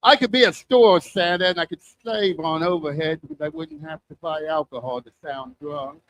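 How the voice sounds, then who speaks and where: An older man performs stand-up in a fairly high-pitched voice. A strong lisp gives his s sounds a wet whistle. He delivers crude, self-deprecating jokes to a live show. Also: big pitch swings, normal speed, a bit bright, rough recording. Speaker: stand-up comic. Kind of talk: stand-up comedy. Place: live comedy open mic show.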